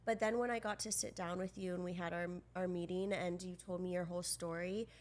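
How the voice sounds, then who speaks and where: A woman's voice: fairly low pitch, fairly even intonation, brisk, a little mellow. A woman in her thirties co-hosting a chat, talking in a gushing, enthusiastic way, full of "like". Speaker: podcast co-host. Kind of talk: casual interview chat.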